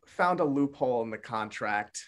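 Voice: mid-range voice, expressive, normal speed. An improv performer in a sitcom scene, talking in a matter-of-fact, dry way.

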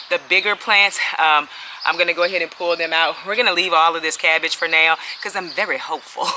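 Casting: woman garden vlogger, very bright, chatty tone, faint outdoor ambience. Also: lowish voice, slight background noise. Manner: chatty, laughing, talks to viewers as y'all. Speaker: urban homesteading vlogger. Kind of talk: casual garden vlog chat.

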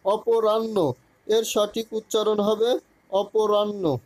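A man with a high voice reads exam questions in a slow, measured way and answers each one himself. The sound is close and dry, with no room around it. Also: steady tone, no echo, low-quality recording. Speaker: exam prep tutor. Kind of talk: reading quiz questions and answers.

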